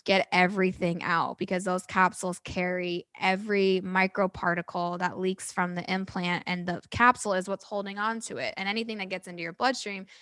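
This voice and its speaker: A woman's voice: on the low side, level tone, brisk, hardly any pauses, fairly bright tone, clear, resonant tone, dry recording. A woman talking casually and emphatically on a podcast, outspoken and often punctuating her talk with "like". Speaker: podcast host.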